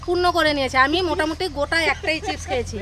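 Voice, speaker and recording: A woman's voice: high voice, very fast, a loud crowd. A woman chatting casually to camera as a vlog host, explaining and giving instructions. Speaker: vlogger hosting a food challenge. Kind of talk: casual chat to camera and family. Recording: outdoor recording with people chattering around.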